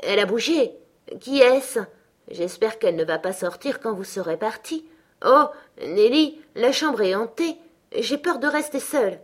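A woman's voice: fairly high pitch, expressive, unhurried. A woman voicing a delirious, frightened young woman in an audiobook, anxious and pleading. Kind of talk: audiobook character reading.

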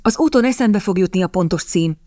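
A woman's voice: mid-range voice, expressive, warm tone, no echo, studio quality, lightly acted. A resolute young lady, read by a woman. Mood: earnest.

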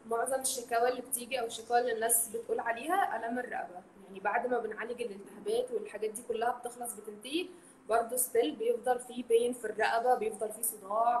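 Woman doctor explaining stuff super fast, high voice. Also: a little hiss or hum. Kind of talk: explaining on a live stream. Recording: roomy echo.

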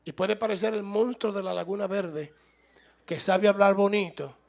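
High, gravelly-voiced preaching man. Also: fairly even intonation, normal speed. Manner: preaching, rising to loud emphatic bursts, asks the room. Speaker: pastor. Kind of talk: sermon.

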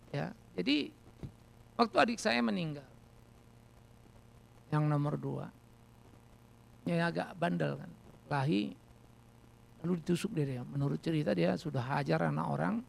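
A middle-aged man preaching a sermon as a pastor, telling personal stories in a lively, animated way. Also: fairly high pitch. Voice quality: gravelly.

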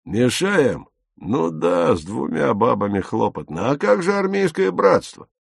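A man's voice: fairly high pitch, very animated, measured pace, creaky, slightly rough, no echo, studio quality, pitched above the performer's own voice, exaggerated voice. A man voicing a loutish, drunken army sergeant who talks in a coarse, leering way in an audiobook. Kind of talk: audiobook character reading.

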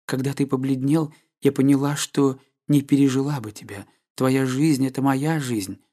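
A man's voice: mid-range voice, fairly even intonation, moderate pace, dark tone, lightly acted. A man reading an audiobook, voicing an anxious, tender young woman with a raised voice. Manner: pleading, tender, alarmed. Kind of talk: audiobook character voice.

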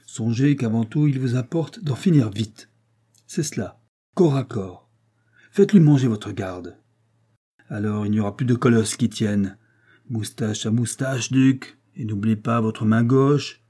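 A man's voice: medium pitch, a little slow, dark tone, slightly rough. A man reading aloud, voicing an intense young Venetian swordsman who barks commands in a fight and turns distraught. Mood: excited. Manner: urgent commanding fencing coach, later distraught.

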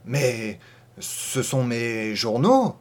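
Brief: a man doing a meek, well-mannered husband, soft and slow, hesitant, audiobook. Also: medium pitch, close to an everyday voice. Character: timid hesitant genteel husband.

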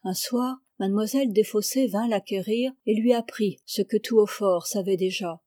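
A woman narrating a classic novel as an audiobook reader, in a calm, even, literary reading close to the mic. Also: mid-range voice, normal speed, no room sound.

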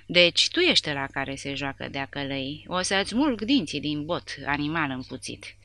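A harsh, sneering male soldier hurls threats at his prisoners, as a woman reads him in an audiobook. The voice is gravelly and low, with a bright edge. The sound is close and completely dry. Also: animated, no echo, full character voice. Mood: menacing. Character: brutal mocking male soldier interrogator.

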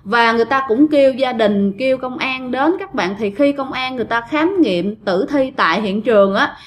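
A woman's voice: fairly high pitch, normal speed, a little hiss or hum. A woman with a Southern Vietnamese accent, casually retelling a ghost story and chatting directly to her listeners.

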